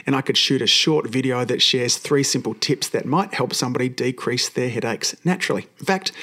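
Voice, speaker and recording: An Australian man with a voice croaky from a cold, hosting a solo podcast in a chatty, explanatory way that addresses listeners directly. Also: mid-range voice. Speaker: podcast host, chiropractor.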